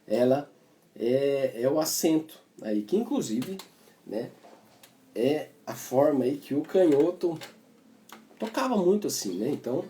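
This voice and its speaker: A man's voice: medium pitch, animated, a little slow, pauses often, dark tone, a little hiss or hum. A Brazilian man teaching cavaquinho in a casual, chatty way, explaining as he plays and tagging his sentences with little fillers. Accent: Brazilian Portuguese. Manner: chatty, explains while playing, many filler tags. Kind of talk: casual music lesson. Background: cavaquinho playing.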